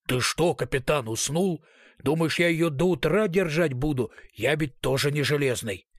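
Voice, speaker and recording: A man voicing an enraged masked male bandit who shouts and snarls threats. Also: on the high side, normal speed, dry recording, close to an everyday voice. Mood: mocking.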